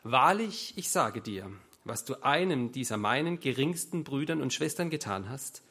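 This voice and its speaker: A man voicing a solemn male king at the end of time, reciting in measured biblical cadence. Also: medium pitch, expressive, a bit bright, slightly rough.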